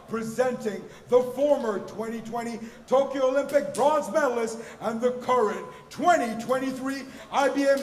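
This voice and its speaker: A middle-aged man working as a ring announcer, introducing a bout grandly with booming, theatrical, stretched words. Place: boxing ring in an indoor arena. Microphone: handheld microphone. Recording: echoey arena PA with long reverb.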